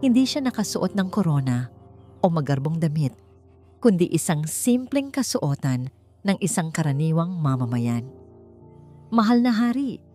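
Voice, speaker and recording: With faint soft music underneath, a woman narrates a scripted romance, her low, mellow voice taking on a sing-song quality. She phrases deliberately and leans on dramatic pauses.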